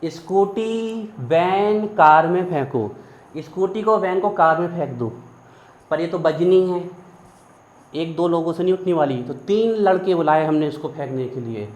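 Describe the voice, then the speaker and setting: A man's voice: on the high side, moderate pace, a little mellow. A man teaching chemistry in a classroom lecture, chanting mnemonic lists in a sing-song rhythm. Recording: echoey room, dull lo-fi sound, faint hiss.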